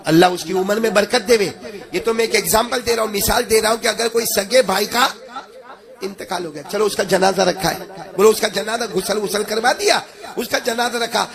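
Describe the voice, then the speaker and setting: Impassioned male preacher, high gravelly voice. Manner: impassioned, rising into chanted sing-song. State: voice a bit strained. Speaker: Islamic preacher. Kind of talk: Urdu-Hindi religious sermon. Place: religious gathering with audience.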